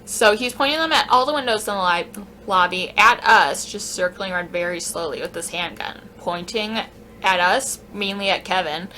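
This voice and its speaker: A woman telling a casual, animated story on a vlog, swearing freely. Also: mid-range voice, normal speed, a little hiss or hum. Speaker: vlogger.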